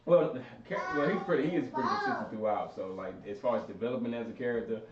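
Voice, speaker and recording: A man's voice: medium pitch, lively intonation, fast talker. A man hosts a casual podcast debate in loose, slangy banter and breaks into laughter often. He sits back from the mic in an echoey room, and the sound is dull and muffled. Faint noise sits underneath. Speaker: podcast host running the bracket. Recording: roomy, distant, dull sound.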